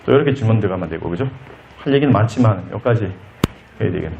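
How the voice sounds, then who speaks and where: A man giving an animated counseling lecture at a conference, acting out quoted lines in different voices. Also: lowish voice, fast talker, creaky, dull audio, noisy background. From South Korea. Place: lecture hall.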